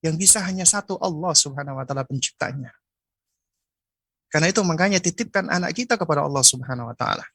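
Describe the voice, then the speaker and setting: A male preacher gives a parenting lecture, often stopping to search for words and restarting phrases. His voice sits somewhat high for a man and is recorded close and dry, with no room echo. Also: expressive, quick pace, sharp tone, breathy edge. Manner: many fillers and restarts while searching for words. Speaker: Islamic preacher.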